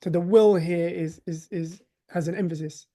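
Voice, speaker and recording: A man's voice: high-pitched, fairly even intonation, moderate pace, dark tone. A man teaching a live class in a conversational way, with sarcastic rhetorical asides. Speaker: teacher of hadith.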